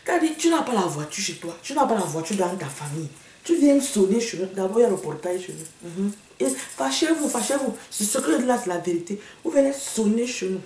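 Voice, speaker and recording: A woman's voice: mid-range voice, sing-song, a little fast, mellow, slight background noise. A woman delivering a sassy, mocking comic rant to the camera, slipping into English and slang. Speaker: comedian vlogger. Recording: echoey room, a bit far from the mic.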